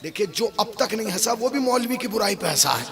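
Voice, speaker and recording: A male cleric from North India, preaching a majlis sermon at a shrine gathering. His voice sits very high for a man as he tells a story, building into sung, shouted cries. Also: animated, brisk, vocal fry, in a large hall, a crowd in the background. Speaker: Islamic cleric.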